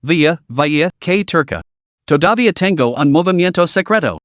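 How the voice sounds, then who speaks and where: A man's voice: a little high, expressive, unhurried, dry recording, clean studio sound. A man reading the lines of a proud, hot-tempered young girl cultivator, indignant and stubborn.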